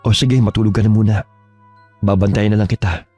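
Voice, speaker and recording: A man plays a caring young husband who speaks gently and reassuringly. His voice is mellow and warm, at a middle pitch. A faint music bed plays behind. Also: flat delivery, brisk, slightly rough. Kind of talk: radio drama acting.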